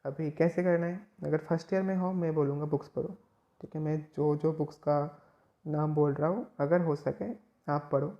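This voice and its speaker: A man's voice: on the high side, fairly even intonation, normal speed, highs cut off. A man from West Bengal, a chemistry tutor giving casual, rambling study advice to students, with frequent restarts. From West Bengal, India.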